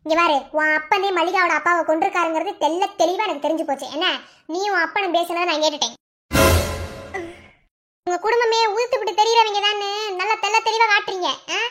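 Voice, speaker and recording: A woman voicing a fierce, outspoken married sister-in-law who scolds and lectures in a Madurai Tamil accent. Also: very high-pitched. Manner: scolding, lecturing, sharp-tongued.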